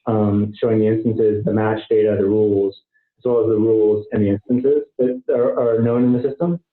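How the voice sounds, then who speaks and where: A man presenting a proof of concept on a technical working-group call. He thinks aloud, with many um fillers and restarts. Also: fairly low pitch. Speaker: software engineer presenting work. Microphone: online meeting call. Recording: tinny phone-like call audio, roomy echo.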